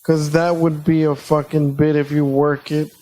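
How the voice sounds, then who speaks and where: A man's voice: a little high, little pitch movement, moderate pace, warm tone, poor audio. A man co-hosting a podcast, teasing the others bluntly in casual chat. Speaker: podcast co-host.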